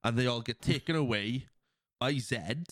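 In a clean, echo-free studio recording, a man with a medium-pitched voice talks at a moderate pace. The podcast host has a cold and sniffles as he casually walks through a film scene by scene, laughing often and performing the quotes.

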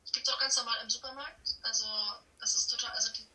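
Speaking fast with fairly even intonation, a German teenager's fairly high voice comes across pushed and bright. She is an exchange student chatting casually in an interview over a remote call that sounds echoey and distant, effusive and quick to put herself down.

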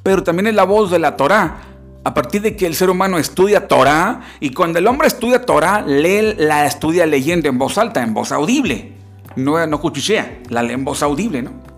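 A man's voice: on the high side, lively intonation, normal speed, soft background music. A man giving a religious lecture, explaining scripture step by step and often asking his listeners rhetorical questions.

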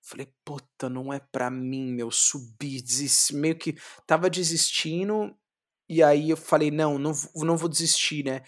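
Young brazilian guy, street clown, telling his story all animated, swears a lot, acts out his own lines. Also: on the high side, normal speed. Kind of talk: casual interview storytelling.

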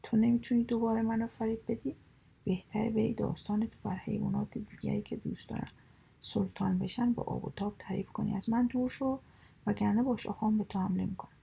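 A woman's voice: on the low side, lively intonation, creaky, mellow, breathy edge, highs cut off, exaggerated voice. A woman whispering a storybook reading, voicing a proud, gullible male deer who grows indignant. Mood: angry. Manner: proud, then indignant, raised voice.

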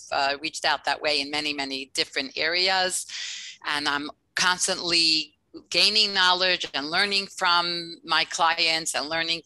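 A woman's voice: low voice, sharp tone, no room sound, rough recording. A woman dating coach speaking earnestly on a live online podcast, heartfelt, with frequent restarts. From based in Los Angeles. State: emotional, near tears.

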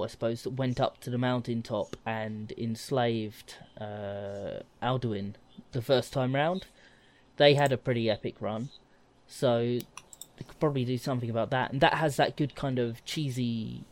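Rambling jokey man in podcast chat. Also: mid-range voice. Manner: rambling, jokey, full of fillers. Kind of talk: casual gaming chat.

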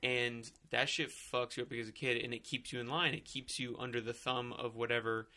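A man's voice: medium pitch, level tone, brisk, sharp tone. A man in casual chat who talks bluntly, swears freely and makes sarcastic jokes.

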